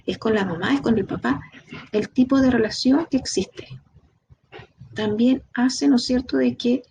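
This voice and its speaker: A woman with a Chilean Spanish accent giving a training lecture, lively, asking her students rhetorical questions. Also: a little high, moderate pace, gravelly, slight background noise. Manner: lively, talks to the class directly with rhetorical questions. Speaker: instructor.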